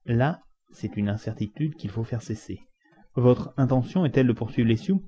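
A man reading the part of a calm, resolute English gentleman, cool and measured. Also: medium pitch, lightly acted. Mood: firm. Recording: dull lo-fi recording.

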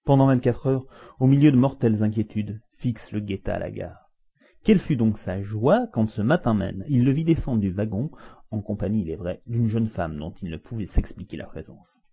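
A man narrating a classic adventure novel aloud in an expressive, dramatic reading style. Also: lowish voice, moderate pace, creaky, breathy edge. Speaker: audiobook narrator. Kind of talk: storybook narration. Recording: dull lo-fi recording.

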